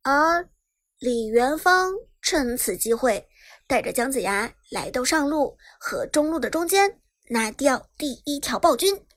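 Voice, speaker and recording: A woman narrating a web novel chapter in brisk storytelling style, lifting her voice on the action. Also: high voice, lively intonation. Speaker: audiobook narrator. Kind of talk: scripted narration.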